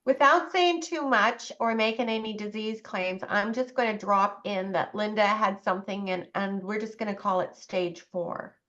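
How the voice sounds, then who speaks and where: A woman's voice: medium pitch, moderate pace, few pauses, a bit bright. Rambling woman, dull call audio. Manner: rambling, searching for words, careful. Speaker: practitioner on the call.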